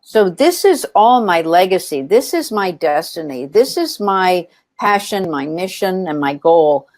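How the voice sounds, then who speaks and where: An earnest woman talks as a guest on an interview show, sharing her story with plenty of ums and restarts. Her voice sits low and grounded throughout. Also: very animated, unhurried, darkish tone, dry recording. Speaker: nonprofit founder, interview guest. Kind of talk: interview conversation.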